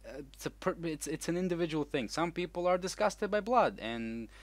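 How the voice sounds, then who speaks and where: A man's voice: fairly high pitch, lively intonation, a little fast, dry recording. A young man co-hosting a casual podcast chat, talking bluntly and crudely with lots of swearing and false starts. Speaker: co-host.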